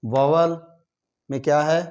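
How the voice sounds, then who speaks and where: A man gives a classroom grammar lesson, slowly spelling out each word letter by letter. His voice sits a little high for a man, and he talks at an unhurried, drawn-out pace. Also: fairly even intonation, a little mellow. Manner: slow, deliberate, spelling words out letter by letter. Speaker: teacher. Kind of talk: grammar lesson explaining in Urdu-flavored Hindi.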